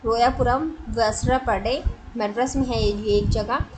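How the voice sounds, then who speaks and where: A woman teaches an online coaching class in a fairly high voice, mixing English words into her explanation. She addresses the students directly and quizzes them as she goes. A clear steady noise runs under the recording. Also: unhurried.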